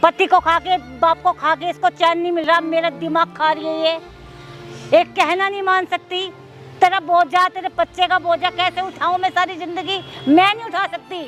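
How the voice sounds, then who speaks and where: A woman's voice: very high voice, steady tone, normal speed, a bit bright, faint music behind. An actress playing a harsh stepmother who nags and scolds her stepdaughter in a staged drama. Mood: scolding. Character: harsh scolding stepmother, middle-aged woman. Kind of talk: staged social drama acting.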